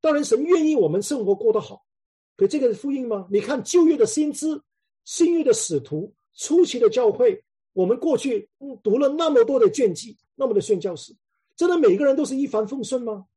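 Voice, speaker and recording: A man's voice: very high-pitched, expressive, brisk, mellow, slightly rough. A man preaching in a conversational way, telling anecdotes and often repeating words as he restarts his sentences.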